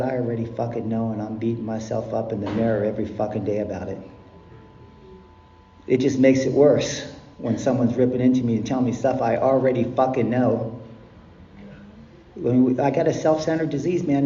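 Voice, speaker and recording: A man's voice: medium pitch, warm tone. A middle-aged man from California gives a blunt, profane, impassioned recovery talk to a convention crowd, repeating lines for emphasis. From California, USA. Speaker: guest speaker at a recovery convention. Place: large convention hall. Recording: echoey hall, distant, dull lo-fi, faint hiss.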